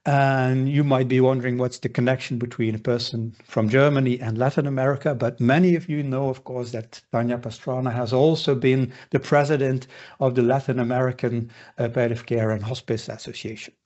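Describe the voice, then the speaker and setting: A man's voice: mid-range voice, steady tone, a little fast, a little mellow, highs cut off. Man moderating a webinar over a video call. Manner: formal, wry asides.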